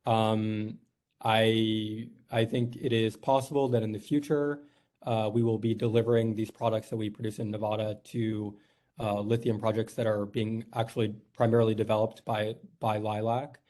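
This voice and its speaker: A man's voice: lowish voice, level tone, normal speed, dark tone. A man from New York, a company executive giving a formal presentation at a board meeting, earnest and polite, with frequent "uh"s. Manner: earnest, filler-heavy, polite.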